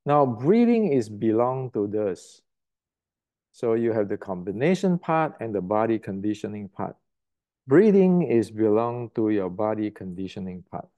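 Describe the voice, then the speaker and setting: A man's voice: fairly low pitch, very animated, a little slow, muffled recording. An older man from Indonesia, giving a blunt, emphatic martial arts lecture to the camera and repeating words as he searches for them.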